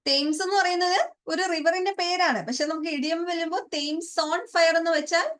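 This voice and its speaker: High-voiced Malayali woman teaching English. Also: fairly even intonation, fairly bright tone. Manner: asks students questions, repeats and spells out words slowly. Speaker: exam prep teacher.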